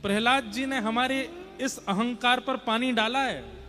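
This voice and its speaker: A man's voice: very high voice, unhurried, bright, forceful tone. A young man giving a devotional sermon to a seated audience in a large hall, chanting verses and earnestly urging everyone to listen closely. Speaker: kathavachak preacher.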